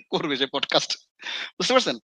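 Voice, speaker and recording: A man's voice: a little high, very animated, moderate pace, sharp tone, husky, dry recording. A man from Bangladesh, mentoring students in casual talk, who acts out his scolding and mixes in English phrases. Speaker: Islamic scholar and mentor.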